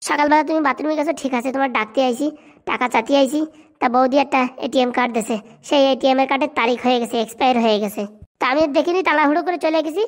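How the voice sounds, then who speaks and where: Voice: high voice, rapid-fire, lightly acted. A voice actor playing an indignant young village man in a cartoon comedy, arguing and reproaching.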